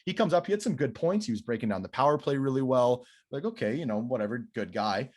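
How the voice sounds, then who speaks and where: A man, a goalie coach telling a story as a podcast guest, animated and swearing freely, his voice rising when he acts out quotes. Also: medium pitch, quick pace.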